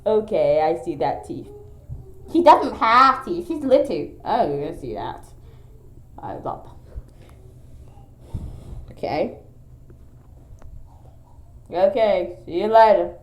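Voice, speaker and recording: A woman playing with toys and talking in playful squeaky character voices. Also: big pitch swings, slow pace, pauses often. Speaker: toy play video maker. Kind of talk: playful toy role-play. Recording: echoey room.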